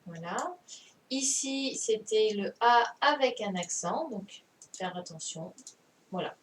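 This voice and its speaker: Woman teacher, slow and patient, video-call audio a little distant. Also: mid-range voice, expressive. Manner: patient, repeats and checks understanding. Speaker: primary school teacher. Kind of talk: online class dictation correction. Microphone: computer mic on a video call. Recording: distant mic with faint noise.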